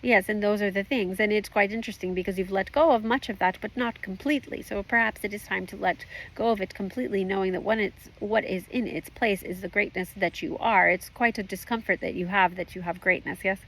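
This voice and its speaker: A woman voicing a calm, formal spirit guide as a seance medium, with creaky voice, stilted phrasing and questioning tags. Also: mid-range voice, brisk, few pauses, poor audio. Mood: calm, instructive. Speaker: trance channeler at a group session. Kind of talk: trance channeling, spiritual guidance.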